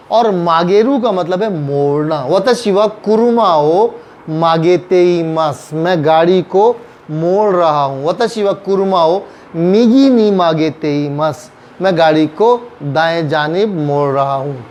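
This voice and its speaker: A man's voice: high-pitched, takes it slowly, a little mellow. A man with a Pakistani Urdu accent teaches a Japanese grammar lesson patiently, repeating each phrase and acting out example sentences. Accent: Urdu-speaking Pakistani. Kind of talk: classroom lesson explaining grammar.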